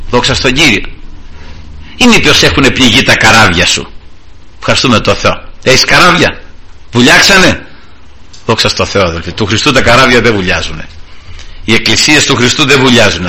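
Animated Greek-speaking male preacher, bright tone. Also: mid-range voice, slightly rough. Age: middle-aged. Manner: animated, addresses congregation as brothers, tells personal anecdotes. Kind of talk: sermon. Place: church service.

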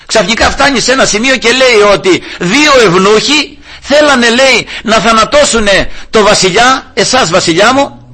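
A man's voice: very high-pitched, expressive, pushed and bright, slightly rough. A male preacher giving a sermon, telling a Bible story and calling his listeners brothers.

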